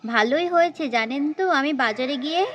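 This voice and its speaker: A woman voicing a kindly older village grandmother in a doll story, gently coaxing her daughter-in-law. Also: high-pitched, animated, fast talker, a little hiss or hum. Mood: gentle.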